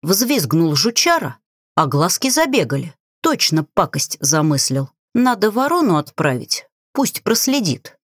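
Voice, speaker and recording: Woman narrating with animated, lively pitch. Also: a little slow, husky, dry recording, studio quality. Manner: animated, playful storytelling. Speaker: audiobook narrator. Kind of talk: first-person storybook narration.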